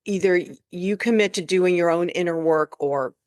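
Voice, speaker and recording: A woman podcast host speaks in a reflective, affirming way and sometimes restarts her sentences. Her voice is a little low, recorded close and dry. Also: moderate pace, darkish tone, no echo. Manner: affirming, thoughtful, some restarts. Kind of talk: reflective conversational talk.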